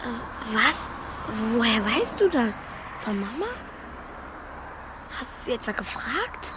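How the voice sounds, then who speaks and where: A woman plays a frank, stubborn young schoolgirl in a naturalistic children's radio drama, speaking plainly and matter-of-factly. Her voice is fairly high with big pitch swings, and she talks slowly over background noise.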